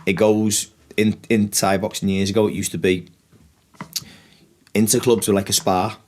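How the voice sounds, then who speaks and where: A man's voice: fairly low pitch, moderate pace. A middle-aged man with a northern English accent chatting casually and telling stories animatedly, with plenty of swearing. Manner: animated storyteller, acts out exchanges, swears freely. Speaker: podcast guest, former fighter and trainer. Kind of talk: casual podcast chat.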